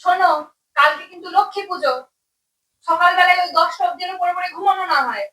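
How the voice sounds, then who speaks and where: A bossy Bengali mother-in-law, played by a woman scolds and lectures her daughter-in-law in a very high, quick voice. She nags steadily in a short comedy skit. The sound is roomy and echoing, picked up from some distance away. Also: pushed and bright. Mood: lecturing. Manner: scolding, nagging. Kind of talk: comedy sketch acting.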